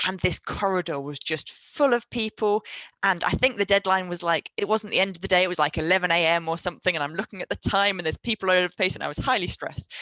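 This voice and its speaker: A woman, co-hosting a casual livestream, chatty and quick to laugh, repeating words as she tells a story. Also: fairly low pitch, bright, forceful tone, no room sound. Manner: chatty, laughs easily, repeats words when telling stories. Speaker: library livestream co-host. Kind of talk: casual chat.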